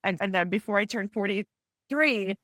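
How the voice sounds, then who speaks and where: A woman in her forties sharing a personal story on a panel, tearful and halting, with frequent restarts and apologies. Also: medium pitch, fairly bright tone, no room sound, studio quality. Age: 40s. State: tearful, close to crying. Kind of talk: emotional personal testimony on a panel.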